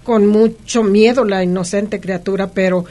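A middle-aged Mexican woman being interviewed, telling personal stories in an animated conversational way. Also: mid-range voice, moderate pace. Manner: animated, lively anecdotal telling with frequent laughs. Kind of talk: conversational storytelling.

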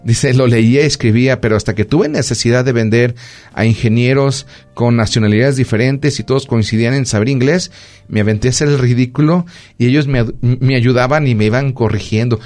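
This medium-pitched man speaks fairly quickly with a Mexican accent. He's a doctor running a laid-back radio chat, animatedly telling stories full of fillers.

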